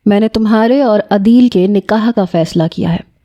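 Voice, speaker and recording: A woman voicing a stern, commanding old grandfather who speaks slowly and curtly. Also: medium pitch, warm tone, natural voice. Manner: slow, curt, threatening.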